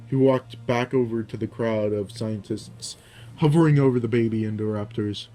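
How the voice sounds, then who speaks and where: A young man narrating his own fan fiction aloud, in a steady storytelling manner with small slips and restarts. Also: lowish voice.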